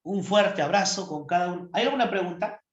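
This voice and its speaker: A male anatomy teacher giving an animated online lecture and checking that students follow. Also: high voice, fairly quick, dull audio. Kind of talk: online class lecture, storytelling. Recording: roomy echo.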